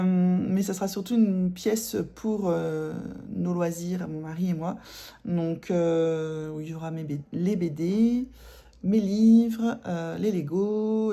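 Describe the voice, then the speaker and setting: A woman's voice: on the low side, gravelly, warm tone. A middle-aged woman from France chatting casually at home about her cross-stitch projects, rambling with many fillers and self-corrections. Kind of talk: casual chat showing embroidery.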